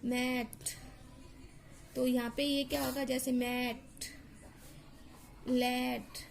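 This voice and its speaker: A woman's voice: sits high, flat delivery, extremely slow, gravelly, a little hiss or hum. A woman teacher explaining English pronunciation, repeating words and spelling out letters to drill each sound.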